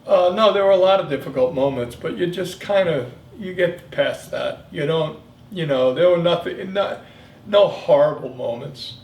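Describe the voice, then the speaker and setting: A man in his seventies, a military veteran, reminiscing in an interview in a halting, reflective way. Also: on the high side, darkish tone. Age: 70s. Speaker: Vietnam veteran being interviewed. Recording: echoey room, distant mic, faint noise.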